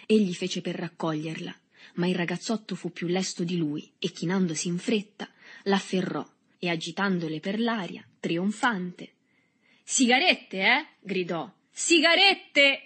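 A woman narrating a novel with a steady literary reading. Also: on the low side, normal speed, breathy edge.

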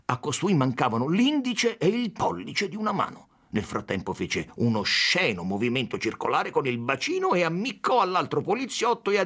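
A man narrating a literary novel in an expressive reading voice. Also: medium pitch, husky. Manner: expressive, varied delivery. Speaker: audiobook narrator.

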